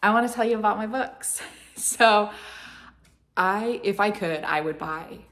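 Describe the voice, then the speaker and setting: Talking to camera a little slowly, a Florida vlogger rambles casually in a light American Southern accent. Her medium-pitched voice is a bit bright, and her meandering speech is full of fillers and restarts.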